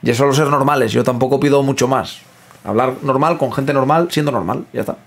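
Excitable gaming streamer, swearing. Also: male voice, mid-range voice, fairly quick. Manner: excitable, swears a lot, talks to chat. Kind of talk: live gameplay commentary.

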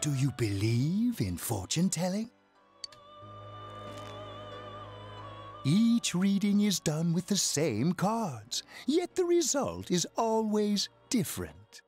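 A man's voice: high-pitched, huge pitch swings, takes it slowly, few pauses, a little mellow, exaggerated voice. A man playing an eerie, amused old fortune teller in a video game, speaking theatrically and portentously. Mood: intrigued, ominous. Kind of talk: scripted video game dialogue. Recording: game audio over background music.

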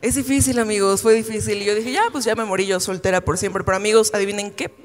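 A woman's voice: medium pitch, fairly even intonation, quick pace, big-room sound, noisy background. A woman with a Mexican accent doing a stand-up routine, telling stories in a chatty, exasperated way. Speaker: stand-up comedian. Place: comedy stage with live audience.

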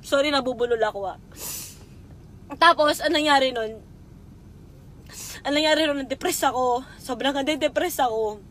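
High-voiced woman, raw and tearful. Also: moderate pace, long pauses, fairly bright tone, a little hiss or hum. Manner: raw, tearful at times, swears often. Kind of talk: emotional live confession.

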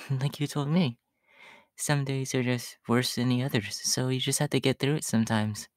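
A man voicing a shy, gentle young catboy in a soft, hesitant ASMR role-play for an audio story. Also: medium pitch, steady tone, moderate pace, dry recording, clean studio sound, close to an everyday voice. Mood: shy, caring. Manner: hesitant, bashful, soft-spoken with nervous giggles.

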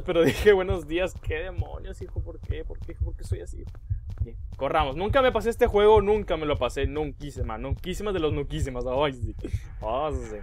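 A young man giving excitable let's play commentary, yelping and squealing when scared. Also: fairly high pitch. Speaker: gaming YouTuber.

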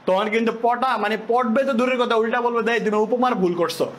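A man's voice: extremely high pitch, steady tone, brisk, a little hiss or hum. A young man from Bangladesh, speaking as an online tutor, teasing his students and firing questions at them. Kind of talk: live online class lecture.

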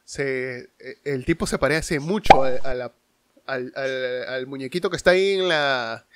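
A young man giving casual, animated and amused reaction commentary, often repeating his phrases. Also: medium pitch, unhurried, heavy background noise. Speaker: reaction video host. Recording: music behind the voice. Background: music and sound of the video he watches.

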